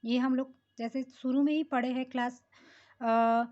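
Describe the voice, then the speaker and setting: A woman teaching a grammar lesson in a slow, unhurried voice with a mellow, darkish tone. She explains patiently, stopping often on fillers and checking in with "okay" before moving on. The recording sounds dull and lo-fi. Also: high-pitched, fairly even intonation. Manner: mixes Hindi with English grammar terms. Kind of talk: classroom lesson explaining articles.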